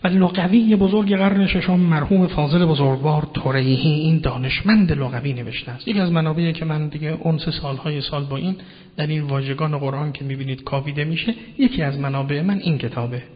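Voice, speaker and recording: A male preacher delivers a religious lecture with a fairly high voice, turning emphatic and then dropping to a hush. He keeps asking his listeners rhetorical questions. The recording sounds dull and lo-fi, with long reverb from a large hall. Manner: emphatic, with sudden swings from loud to hushed; addresses listeners directly, asks rhetorical questions.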